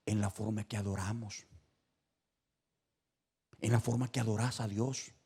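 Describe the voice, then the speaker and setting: Man, preacher, evangelical sermon, gravelly, husky, shouts and hushed asides, repetitive emphasis, church. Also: lowish voice, steady tone, unhurried.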